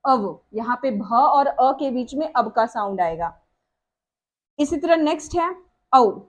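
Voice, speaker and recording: Slow, high-voiced woman teaching grammar. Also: dull audio. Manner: slow, repeats questions and answers them herself. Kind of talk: grammar lesson explaining examples.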